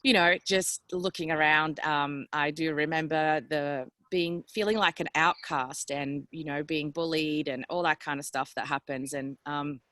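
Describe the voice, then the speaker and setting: A woman's voice: sits low, steady tone, measured pace, few pauses, a bit bright, no room sound. A woman in her forties from El Salvador, telling her personal story in a candid, chatty, self-deprecating way over a headset from a public venue. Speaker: guest speaker. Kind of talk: personal story on a video call.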